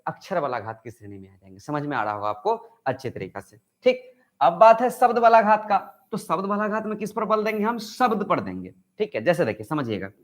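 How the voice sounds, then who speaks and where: A man's voice: sits high, sing-song, brisk. A man teaching an online grammar lesson, asking questions and answering them himself. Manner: acts out example sentences with stress.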